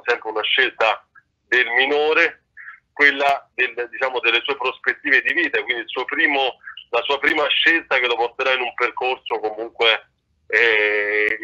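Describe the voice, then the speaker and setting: A man's voice: mid-range voice, pushed and bright. A man speaking over a speakerphone as a guest official, giving a formal public address with frequent hesitations and repeated words. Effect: heard over a speakerphone. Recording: dull, muffled speakerphone sound.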